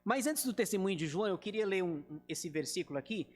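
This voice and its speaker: A Brazilian Portuguese-accented pastor speaks quickly and expressively in a high voice, with a big-room sound around him. He teaches his Bible study conversationally, talking right to the group and dramatizing the quoted lines.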